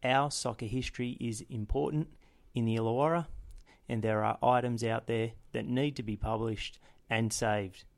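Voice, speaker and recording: A man hosts a football podcast in a measured, formal way. His voice sits at an ordinary middle pitch for a man, neither deep nor high. He reads a scripted intro and then moves into a conversational interview. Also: steady tone, gravelly.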